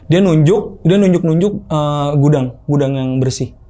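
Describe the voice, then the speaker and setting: A young man casually telling a story, animated and acting out other people's voices. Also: fairly high pitch, a little slow. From Indonesia. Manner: animated, acts out quoted voices. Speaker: guest storyteller.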